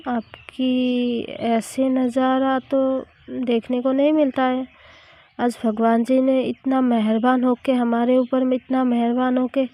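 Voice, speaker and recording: A woman's voice: fairly high pitch, warm tone, dry recording, natural voice. A woman voicing a playful young college woman who teases her girlfriend. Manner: teasing, playful.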